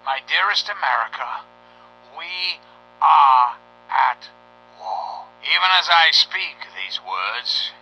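An actor playing a grandiose, fatherly president giving a solemn, dramatic radio address in a game, with emphatic pauses. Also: a little high, animated, gravelly, pushed and bright, breathy edge, soft background music, full character voice, low-quality recording. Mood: grave, stirring. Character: grandiose fatherly computer president rallying a nation to war.

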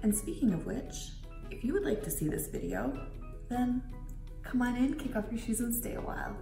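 A woman's voice: a little high, expressive, moderate pace, warm tone, faint music behind. A woman in her thirties chatting casually through a home baking demo in her kitchen, rambling with lots of fillers.

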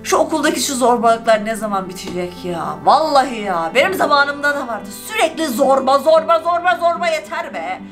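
A woman's voice: high voice, animated, a little fast, few pauses, soft background music. A woman hosting a gaming channel, chatting through a let's-play in a talkative, emotional way full of exclamations.

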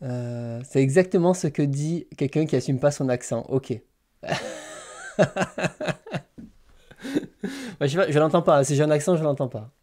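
A man's voice: fairly high pitch, brisk, mellow. A man hosting a casual livestream, rambling and thinking aloud with lots of fillers. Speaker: livestream host. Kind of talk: casual live chat with viewers.

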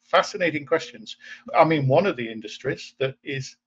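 Muffled, lo-fi webcam sound carries this host's slightly high, expressive voice at normal speed, with a breathy edge. He's an English man in his forties at home indoors, thinking aloud during a relaxed video-call interview and frequently starting phrases over.

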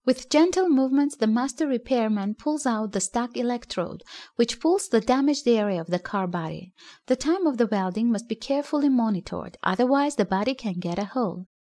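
A woman reading a scripted voice-over that explains an electronics build, in a steady explanatory way with slightly non-native phrasing. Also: on the high side, fairly quick. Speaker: electronics channel narrator.

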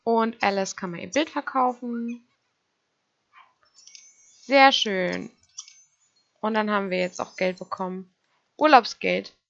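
A woman's voice: medium pitch, slow, creaky, pauses often, a bit bright, dull audio. A woman giving casual let's play commentary, chatting to her game characters and to her viewers.

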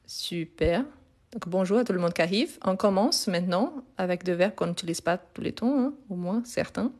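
Spelling out and repeating each word, a woman runs a live online French grammar class and answers questions from her audience. Her voice is lowish and darkish, at a normal speed.

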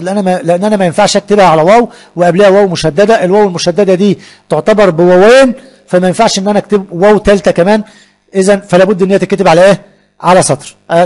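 Egyptian male teacher, quick delivery, drawn-out examples, lively classroom style. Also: high-pitched. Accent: Egyptian Arabic. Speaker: Arabic teacher. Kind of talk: classroom grammar lesson.

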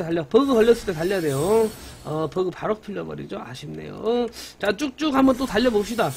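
A man's voice: high voice, a little hiss or hum. A young man streaming a mobile game live, cheering on his upgrades and bantering playfully with chat viewers. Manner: excited, banters with viewers, mock-cursing.

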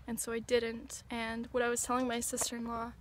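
Woman, twenties, high-ish and level voice, dreamy and earnest, tripping on mushrooms, self-shot outdoor vlog. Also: completely flat delivery, fairly quick. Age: 20s. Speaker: vlogger. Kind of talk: reflective personal vlog to camera. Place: outdoors on a sandy riverbank. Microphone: camera or phone at arm's length. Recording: outdoor ambient noise, handheld camera.

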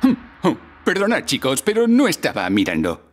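A man's voice: on the high side, huge pitch swings, normal speed, noisy background. A man voicing a laid-back, cocky animal ninja hero in a cartoon. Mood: breezy. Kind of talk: animated cartoon dub acting. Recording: loud music behind the voice.

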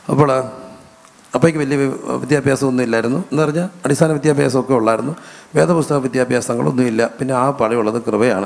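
A man's voice: mid-range voice, creaky, long reverb tail. A man with a Malayali accent preaching a sermon as pastor, asking his congregation questions and answering them himself, stretching out key words. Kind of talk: sermon with call-and-response questions. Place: church hall.

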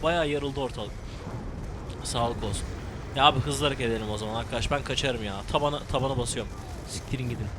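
A young man narrating his own gameplay in a let's play, swearing freely and cracking jokes as he goes. His voice sits at an ordinary pitch, jumping into sudden excited shouts before dropping back to muttered remarks. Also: noisy background. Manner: profane, excitable, joking running commentary. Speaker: gameplay commentator.

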